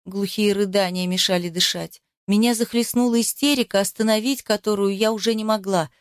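A woman's voice: mid-range voice, a little fast, clear, resonant tone, dry recording, clean studio sound. Woman narrating a novel with feeling. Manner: emotional, expressive reading. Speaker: audiobook narrator. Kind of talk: first-person novel narration.

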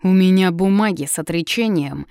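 Audiobook villain: a woman playing a proud, smug young prince, low-voiced and dark. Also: normal speed, no room sound, clean studio sound, natural voice. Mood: taunting. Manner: smug and taunting.

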